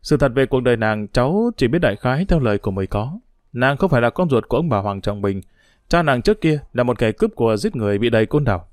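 Man doing troubled young man, quick tense replies, dry close storybook sound. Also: mid-range voice, big pitch swings, no echo, lightly acted.

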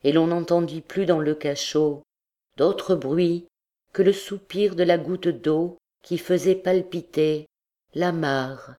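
A woman narrates a classic novel in a slow, measured, grave manner. Her voice sits low and mellow, unhurried from phrase to phrase. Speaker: audiobook narrator. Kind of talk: literary audiobook narration.

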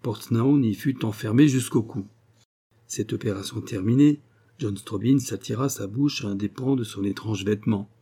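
A man with a husky voice on the low side narrates an adventure novel for an audiobook. His storytelling is measured and steady.

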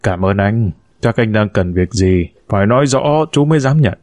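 A man voicing a calm, stern older uncle who works as a judge. He speaks in a firm, measured way in a spoken story. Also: lowish voice, dry recording, natural voice. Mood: doubting.

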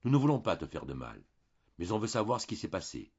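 A man voicing a village priest who speaks gently and coaxingly. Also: fairly low pitch, very animated, fast talker, breathy edge, dull audio.

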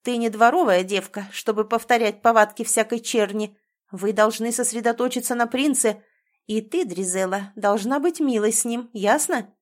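A woman's voice: on the high side, moderate pace, natural voice. Audiobook: woman reading as a cold, commanding stepmother, raised and cutting. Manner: sharp, scolding and commanding. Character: scheming domineering stepmother, middle-aged woman.

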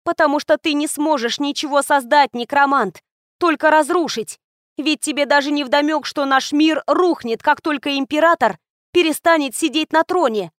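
A woman's voice: sits high, normal speed, no room sound, clean studio sound, pitched above the performer's own voice. A woman voicing a fiery, defiant young mage. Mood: heated shouting. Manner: shouting, insistent.

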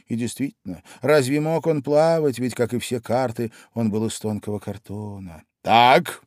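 A man narrating a storybook in a scripted reading, expressive and measured. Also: mid-range voice, no echo, studio quality.

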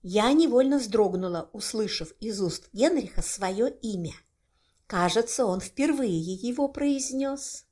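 A woman narrating a first-person fantasy audiobook in an expressive, animated reading. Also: medium pitch, unhurried.

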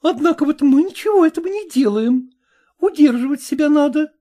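A woman voicing a sharp, scornful city housemaid who scolds and exclaims. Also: sits high, animated, fairly quick, pitched above the performer's own voice. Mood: scolding.

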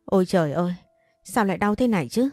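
A woman's voice: medium pitch, expressive, quick pace, a little mellow, dry recording, studio quality, soft background music, lightly acted. A woman voicing a selfish, cold young woman who speaks curtly and complains in an audio story. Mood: complaining.

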